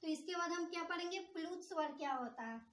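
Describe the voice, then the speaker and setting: A woman's voice: extremely high pitch, quick pace, fairly bright tone. A woman teacher explaining grammar step by step, posing questions to her students and answering them herself. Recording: echoey room.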